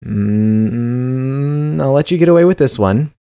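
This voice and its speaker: A man's voice: on the high side, lively intonation, quick pace, warm tone. A man co-hosting a casual comedy podcast, playful and mock-serious, reading food news and stumbling over tongue twisters. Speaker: podcast co-host.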